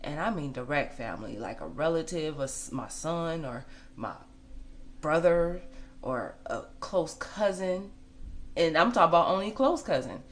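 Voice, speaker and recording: An American woman around forty with a slightly low voice talks casually, as in a gossip vlog. She is blunt and conversational, often repeating a phrase to stress her point. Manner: blunt, conversational, emphatic repetition. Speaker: celebrity gossip commentator.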